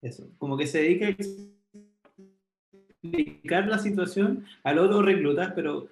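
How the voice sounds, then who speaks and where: A man with a Chilean Spanish accent, in a fairly high voice, talks loosely and full of slang about an anime. He retells scenes with lively acted quotes. The room around him has a noticeable echo. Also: moderate pace, soft background music. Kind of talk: casual anime discussion. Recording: echoey room.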